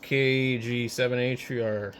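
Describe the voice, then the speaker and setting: A man with a mid-range voice speaks at an unhurried pace, chatting casually and a little hesitantly as a ham radio operator. He switches between handheld radio microphones, and the noisy amateur setup carries a steady background hum.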